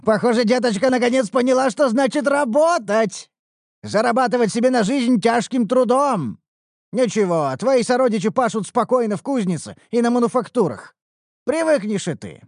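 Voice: mid-range voice, big pitch swings, normal speed, darkish tone, no room sound, clean studio sound, pitched above the performer's own voice. A narrator voicing a stern, indignant male blacksmith master who lectures and bargains in an audiobook. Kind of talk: audiobook character voice.

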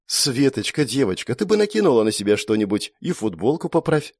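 Fussy motherly older woman, gentle and anxious, read by a man. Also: mid-range voice, animated, fairly quick, slightly rough, dry recording, studio quality, pitched above the performer's own voice. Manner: gentle, fussy, briefly stern. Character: fussy caring older woman, household elder.

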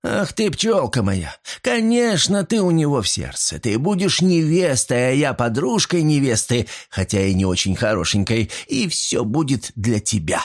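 A man voicing a fussing, warm-hearted servant woman who dotes on her young mistress. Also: medium pitch, expressive, moderate pace, voice pushed up, lightly acted. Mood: doting. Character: warm-hearted middle-aged female servant.

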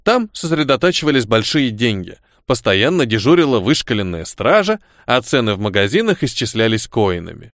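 Male audiobook narrator, expressive first-person reading, lively intonation, dead-dry studio sound. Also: mid-range voice, moderate pace, few pauses, dry recording.

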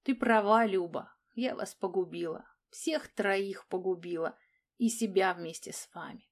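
A woman voicing a proud, gloomy young baroness who speaks in a hushed, whispering way. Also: medium pitch, unhurried. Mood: despairing whisper.

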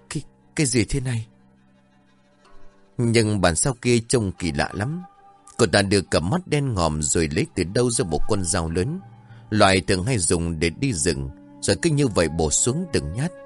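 A man narrating a scripted horror story in a dramatic, suspenseful way. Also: deep voice.

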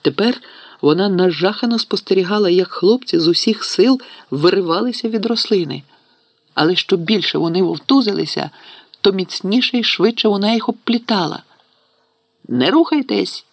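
Gravelly male audiobook narrator. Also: high voice, a little fast, no echo. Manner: steady storytelling. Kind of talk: scripted narration.

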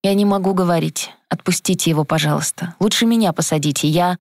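A timid young man, as a woman reader voices him, speaks quietly and haltingly, sounding ashamed. The voice is low for a woman and sounds dry and close. It fits an audiobook. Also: no room sound. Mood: pleading.

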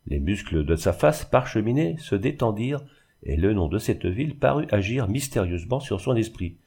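Guy narrating an old novel, lowish dark voice, lots of pitch movement. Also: sing-song, normal speed, husky. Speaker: audiobook reader.

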